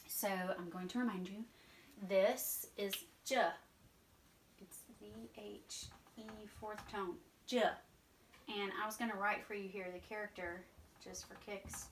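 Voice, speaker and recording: A woman teaches a beginner language class from her home, speaking slowly and patiently and repeating each word so students can follow. Her voice sits a little away from the mic in an echoey room, with faint home ambience behind her. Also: medium pitch, fairly bright tone, far from the mic, a little hiss or hum. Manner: patient, slow and repetitive, drills words aloud. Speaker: Mandarin teacher. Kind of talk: informal online language lesson.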